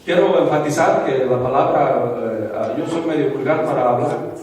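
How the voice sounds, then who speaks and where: A man's voice: medium pitch, normal speed, a little mellow, slight background noise. A man preaching a sermon in an informal, conversational way, asking the congregation questions and correcting himself as he goes. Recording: echoey hall from far off.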